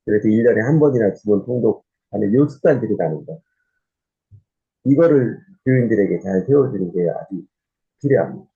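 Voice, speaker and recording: A man with a gravelly, mellow voice teaches a church class in a loose, conversational way. He pauses on fillers and restarts sentences as he goes. The recording is a bit dull and muffled. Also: lowish voice, expressive. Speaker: pastor.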